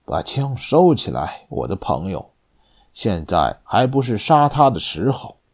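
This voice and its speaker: A man's voice: fairly low pitch, unhurried, breathy edge, heavily acted. A man doing a cold, composed musketeer. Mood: calm. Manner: cold, calm and controlled.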